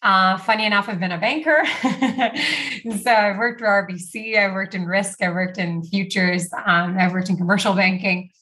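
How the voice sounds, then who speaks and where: Brief: woman from Brazil, bright lively voice, chatty interview guest, lots of "like". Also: medium pitch, normal speed. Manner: chatty, uses "like" often, laughs between phrases. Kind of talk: casual interview talk.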